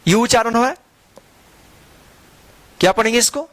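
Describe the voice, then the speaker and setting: A man with a high-pitched voice teaches a phonics lesson, spelling each word letter by letter before reading it aloud. He patiently asks the class to repeat after him. The recording is close and dry. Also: normal speed, fairly bright tone, no room sound. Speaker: English teacher.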